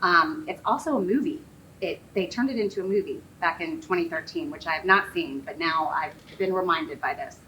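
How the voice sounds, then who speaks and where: A woman's voice: fairly low pitch, a little fast, sharp tone, slight background noise, rough recording. Chatty woman hosting, full of ums. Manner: chatty, many fillers. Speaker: host. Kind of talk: casual talk show hosting.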